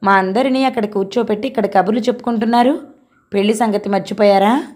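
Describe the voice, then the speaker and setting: A woman voicing a brisk young woman friend who chides and hurries the couple along. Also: mid-range voice, steady tone, darkish tone, close to an everyday voice. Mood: bossy.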